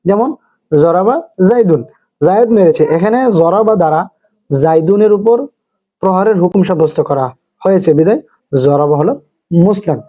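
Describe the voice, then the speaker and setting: A Bangladeshi man with a fairly high voice gives a methodical grammar lecture, explaining each term with examples before summing up. The sound is narrow and tinny, as if it were heard over a phone line. His delivery is that of a patient classroom teacher. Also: normal speed, pauses often. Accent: Bangladeshi Bengali.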